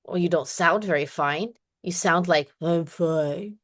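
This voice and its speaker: A woman's voice: fairly low pitch, moderate pace, fairly bright tone, slightly rough. A woman teaching an online English lesson, chatty and encouraging, with frequent laughs; she is dizzy today. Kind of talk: one-on-one online lesson chat.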